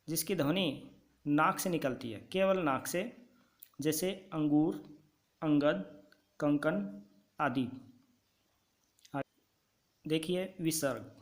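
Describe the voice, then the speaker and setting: Guy teaching grammar, talks real slow n a bit high, dictating notes. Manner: slow, dictating for students to write down. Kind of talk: Hindi grammar lesson.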